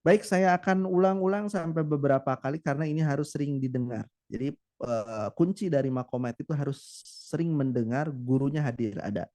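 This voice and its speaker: A man's voice: fairly high pitch, brisk, a little mellow. A man teaching a Quran recitation class in a chatty way, often turning to address his students directly. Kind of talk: teaching a class, with sung demonstrations.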